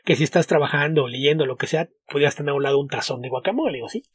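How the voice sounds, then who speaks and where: A man's voice: on the high side, very fast, husky, no room sound. A man co-hosting a casual podcast chat, explaining his points at length. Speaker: podcast co-host.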